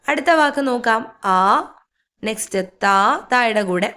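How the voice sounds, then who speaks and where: A woman's voice: on the high side, normal speed, fairly bright tone. A woman teaching a reading lesson, patiently sounding out syllables one by one and checking in with short questions. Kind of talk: slow step-by-step language lesson.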